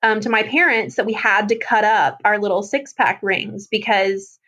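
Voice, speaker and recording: A woman's voice: mid-range voice, steady tone, moderate pace, bright, forceful tone, highs cut off. A woman guest on a podcast, chatting casually and reminiscing with amusement.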